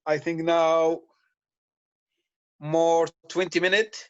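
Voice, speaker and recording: A man from Syria with a Syrian Arabic accent, talking on a video call in halting, simple English with lots of repeated words, tired and thirsty from fasting. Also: a little high, little pitch movement, a bit bright, clean tone, dry recording, highs cut off. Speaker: guest. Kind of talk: casual chat on a video call.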